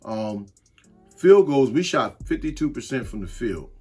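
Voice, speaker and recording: A man's voice: mid-range voice, very animated, unhurried, a little mellow, slightly rough. A man co-hosting a casual sports podcast, talking loosely with frequent restarts and slang. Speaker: podcast co-host.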